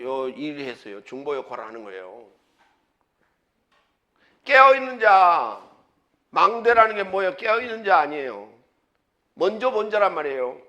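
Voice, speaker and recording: A man pastor preaching a sermon, emphatic, with rhetorical questions and sudden loud bursts. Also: high voice.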